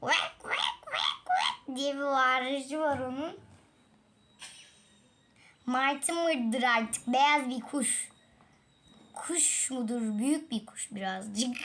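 In a relaxed gaming video recorded on a tablet, a woman with a high, fairly bright voice draws out her words and leaves long pauses. She chats with viewers about her mistakes and sighs as she keeps tumbling.

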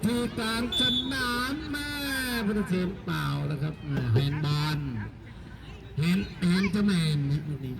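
A man's voice: animated, moderate pace, gravelly, background noise. A man giving chatty local football commentary at an outdoor field, joking with people nearby. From Thailand. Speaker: match commentator. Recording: loud crowd at a pitch.

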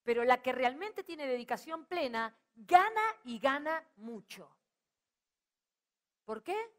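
A middle-aged Argentine woman with a Rioplatense Spanish accent preaches a sermon in a high-pitched, expressive voice, taking her time. She rouses the congregation and calls out for them to answer back.

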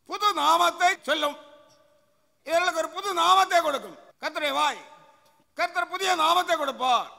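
A man's voice: very high voice, gravelly, pushed and bright. A male pastor preaching a sermon in a church, emphatic and repetitive, posing questions and answering them himself. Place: church sanctuary. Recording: echoey church hall.

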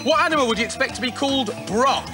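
A young British man hosting a children's game show in an excitable manner, urging the contestants along. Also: very high-pitched, quick pace. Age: young adult. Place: large TV studio with game set and audience. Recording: music and audience noise behind voice. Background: music and studio crowd.

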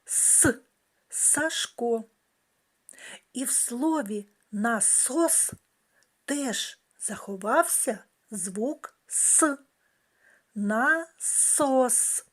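A woman kindergarten teacher leads young children through a speech lesson. She talks very slowly and carefully, in a sing-song manner. Her voice sits fairly high and sounds soft and breathy. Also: animated.

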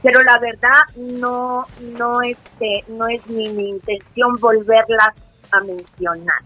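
An older woman calls into a talk show by phone, speaking affectionately and full of endearments. Her voice is on the high side and sharp in tone, slow and fairly even in intonation, and it sounds faint and far off over the distant phone line. Soft music plays in the background.

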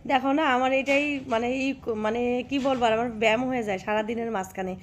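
A hoarse woman vlogging by a cowshed, chatting affectionately with her viewers and often asking if they follow. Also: a little high, steady tone, a little fast. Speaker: village life vlogger. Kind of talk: casual vlog chat to viewers.

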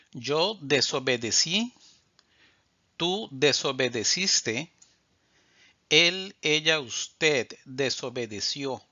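Guy drilling verb forms real slow, bright voice, kinda dull lo-fi sound. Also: medium pitch, dry recording. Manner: clear, deliberate enunciation of each form. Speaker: Spanish teacher.

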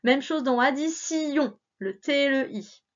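Over a dull lo-fi recording, a female teacher gives young children a remote reading lesson, patiently and encouragingly sounding out words syllable by syllable. Her voice is high-pitched and unhurried.

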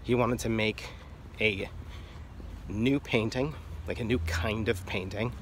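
A man's voice: fairly low pitch, slow pace, fairly bright tone, a little hiss or hum. A man giving casual, frank explanatory talk about art in an offhand, irreverent manner. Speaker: artist and video creator.

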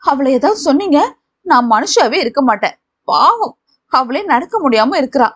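A woman voicing a feisty old grandmother who quarrels loudly and dramatically. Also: sing-song. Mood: quarreling. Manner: shrill, quarrelsome, quick.

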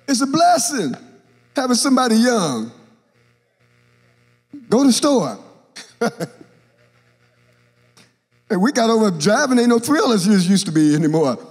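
Speaking very high and slowly, with long pauses, an older bishop delivers a sermon on a church stage through a handheld microphone as soft music plays in the background. He animatedly acts out Bible characters and jokes with the congregation, all echoing with the long reverb of a large hall.

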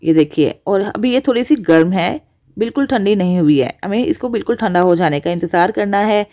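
A woman's voice: medium pitch, expressive, fairly quick, a little mellow, dull audio. A woman hosting a cooking channel, explaining each step of a recipe to viewers. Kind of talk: voice-over recipe instruction.

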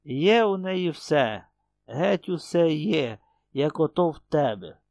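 A man's voice: a little high, lively intonation, takes it slowly, vocal fry, darkish tone, dry recording, heavily acted. A man voicing a stern young husband who speaks curt and cold.

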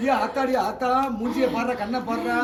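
A very high-pitched man with a Tamil Nadu accent runs an exorcism, firing sharp questions and orders. He is heard from far off in an echoey shrine room, with faint noise behind him. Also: level tone, fairly quick. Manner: interrogating, commanding, repeats sharp questions. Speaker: exorcist and spiritual healer. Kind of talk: exorcism ritual. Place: temple shrine.

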